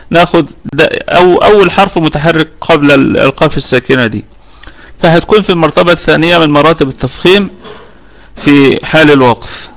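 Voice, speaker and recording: Gravelly Egyptian man teaching tajweed. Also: on the high side, fairly bright tone. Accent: Egyptian Arabic. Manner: methodical, repeats each rule twice; hesitant fillers while explaining. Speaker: Quran recitation teacher. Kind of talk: online tajweed lesson.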